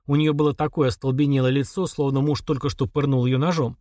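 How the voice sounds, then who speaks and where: A man with a medium-pitched voice reads an audiobook from a script, narrating in a measured, even storytelling manner. The recording is clean studio sound with no room sound.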